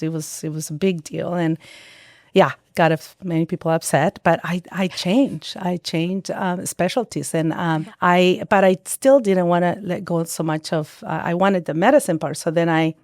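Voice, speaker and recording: Woman, lowish, dry close mic. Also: steady tone, moderate pace, a little mellow, no echo. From El Salvador. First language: Spanish. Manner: storytelling, frequent restarts and acted-out quotes. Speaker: guest, psychiatric nurse practitioner. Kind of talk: casual interview chat.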